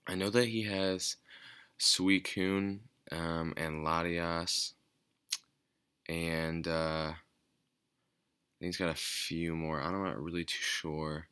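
A man giving casual, off-the-cuff game commentary in a quiet, low-energy, hesitant and rambling way. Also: little pitch movement, slow pace, pauses often, smooth. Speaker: gaming channel host. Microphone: speaking away from the mic at times.

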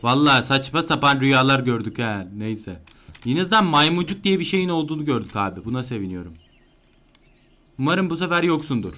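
A man commenting live on a horror game he is playing, excitable and panicky when chased. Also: medium pitch, a little fast. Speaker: gameplay streamer.

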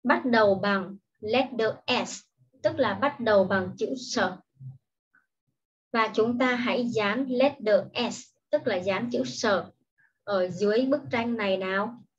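A woman gives a children's English lesson at a very unhurried pace, her voice a little husky and fairly high. She explains every word first and then says the English word carefully, often twice. The recording is dull and lo-fi. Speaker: primary school English teacher. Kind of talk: slow, patient online lesson for young children.

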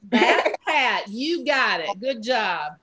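A woman's voice: fairly high pitch, expressive, slow, bright, forceful tone. A woman teaching an online pre-K class, giving patient, encouraging prompts over a video call.

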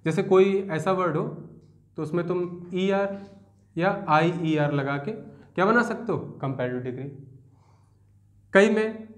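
A man's voice: sits high, measured pace, pauses often. A man with a Hindi accent teaching English grammar in a classroom lecture, explaining step by step and answering his own questions. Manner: explains step by step, asks rhetorical questions, repeats answers back. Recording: roomy echo.

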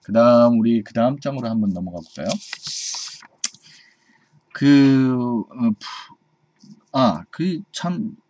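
A man's voice: medium pitch, animated, slow, long pauses, darkish tone. A man giving a patient English grammar lesson, repeating points and checking in with his students. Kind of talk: explanatory classroom lecture. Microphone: camera mic at a desk.

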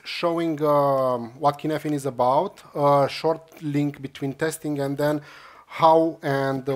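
This is a Romanian conference speaker whose voice sits on the high side. Addressing an audience from the stage of a big lecture hall, he keeps restarting sentences and filling gaps with "uh."

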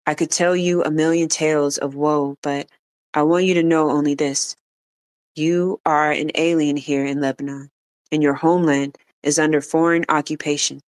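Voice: mid-range voice, level tone, normal speed, dry recording, lightly acted. A reader voicing a stern refugee mother. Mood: earnest. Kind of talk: read-aloud dialogue.

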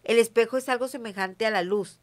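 A middle-aged Mexican woman, a self-described witch, chats emphatically as a guest in a casual interview, often asking "¿sí me entiendes?" Her Mexican Spanish accent comes through in a slightly high voice at a fairly quick pace.

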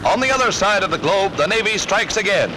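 A man narrating a 1940s wartime newsreel in a brisk, punchy, patriotic manner, heard as an old newsreel soundtrack. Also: high-pitched, lively intonation, background noise. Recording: narration over loud music.

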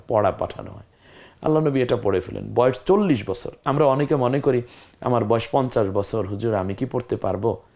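A man's voice: lowish voice, warm tone. Man teaching Quran pronunciation, demonstrating sounds. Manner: demonstrates letter sounds slowly, repeats drills.

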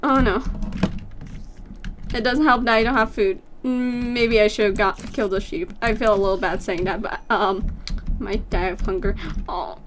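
A woman giving casual gameplay commentary, chatty, her voice jumping high when she gets excited. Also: moderate pace, slight background noise. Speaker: gameplay streamer.

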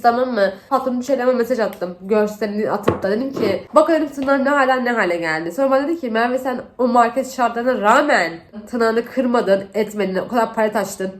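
A young woman chats through a makeup vlog while she has the flu, her voice sitting high. She retells an annoying episode in an animated, exasperated way and acts out both sides of the conversation. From Turkey. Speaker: beauty vlogger. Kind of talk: casual storytelling while doing makeup.

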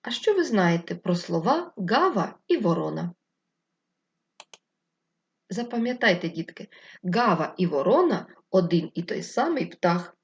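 A Ukrainian woman teaching first graders, slowly dictating words and repeating them syllable by syllable. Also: fairly low pitch, sing-song, highs cut off. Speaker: primary school teacher.

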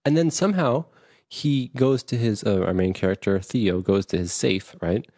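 A man's voice: fairly low pitch, moderate pace, mellow, no room sound, studio quality. A man hosting a podcast, recapping a movie plot in a rambling, casual way and acting out what the characters say. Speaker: podcast host.

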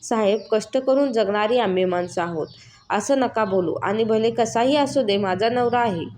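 A woman's voice: a little high, moderate pace, darkish tone, a little hiss or hum, natural voice. A woman voicing a poor, hardworking village wife in a spoken story, pleading and defiant.

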